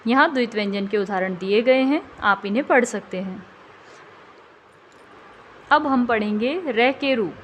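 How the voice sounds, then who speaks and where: A woman tutor narrating a scripted grammar lesson, slowing down and stretching out each example word. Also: on the high side, slight background noise. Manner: slow, carefully drawn-out example words.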